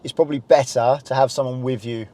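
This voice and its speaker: A man's voice: medium pitch, fairly even intonation, quick pace, dark tone. A man in his thirties with a British accent, coaching a learner driver in an instructive way with short directions and checking questions. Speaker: driving instructor. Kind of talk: coaching a learner during a lesson. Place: inside a small car. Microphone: clip-on lapel mic. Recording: road and engine noise in car.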